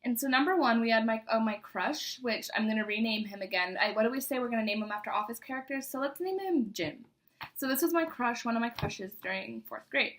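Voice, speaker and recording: A woman's voice: on the high side, a little fast, fairly bright tone. A young woman chatting casually to viewers as she reads aloud from an old diary, embarrassed and poking fun at herself. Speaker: vlogger.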